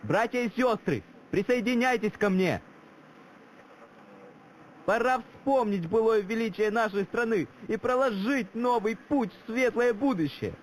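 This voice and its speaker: A man's voice: medium pitch, animated, moderate pace, darkish tone, close to an everyday voice. A man acting a fervent, grandiose patriot who longs for Soviet glory, declaiming solemnly in a scripted dramatic speech. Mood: rousing. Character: fervent Soviet-nostalgic Russian patriot orator, grandiose and menacing. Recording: clearly noisy background ambience.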